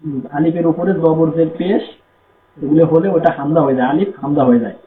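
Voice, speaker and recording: A man teaching Quran reading, with a Bangladeshi Bengali accent, spelling out letters and vowel marks and blending them slowly into syllables. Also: fairly high pitch. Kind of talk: slow spelling-out recitation lesson. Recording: echoey room, tinny phone-like sound.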